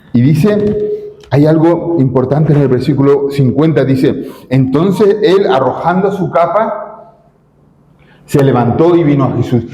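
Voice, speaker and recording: Emphatic preacher in an echoey church. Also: male voice, mid-range voice, dark tone. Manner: emphatic, asks the congregation rhetorical questions. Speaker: pastor. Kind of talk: sermon.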